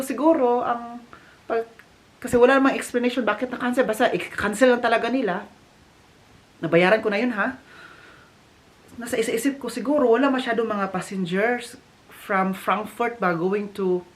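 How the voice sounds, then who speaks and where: Woman vlogger from the Philippines living in Germany; casual, animated storyteller, slightly high voice. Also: moderate pace, pauses often. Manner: animated storytelling with many restarts, mixing in English. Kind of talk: casual vlog chat.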